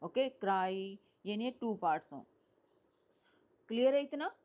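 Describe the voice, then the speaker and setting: A woman's voice: medium pitch, animated, a little slow, darkish tone, lo-fi sound. A woman giving a lecture to a class, explaining step by step and often checking whether students follow. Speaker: English teacher. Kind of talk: classroom lecture mixing Hindi and English.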